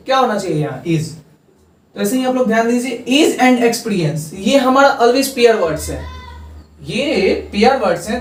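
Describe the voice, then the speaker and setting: A male grammar teacher who spells out example sentences at a slow, deliberate pace and keeps asking his class "okay?". His voice sits at an everyday pitch for a man. It rings around a bare, echoey room and comes from some distance away from the microphone. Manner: dictates example sentences slowly, checks in with "okay?". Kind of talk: video lesson. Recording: echoey room, far from the mic.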